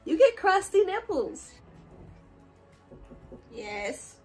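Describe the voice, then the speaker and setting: A woman's voice: very high-pitched, big pitch swings, drawn-out words, darkish tone, faint music behind, rough recording. A young woman in her early twenties, talking candidly and with giggles to the camera at home in a casual vlog. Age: early 20s. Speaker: vlogger.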